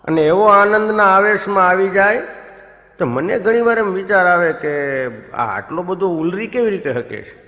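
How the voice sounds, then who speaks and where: A man's voice: high-pitched, lively intonation, normal speed, sharp tone. A man, telling comic stories on stage and voicing his friends in the quoted lines. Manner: chatty storyteller, voices friends in quoted lines. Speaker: stand-up comedian telling stories. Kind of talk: live comic storytelling. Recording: echoey hall with long reverb. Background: audience laughter.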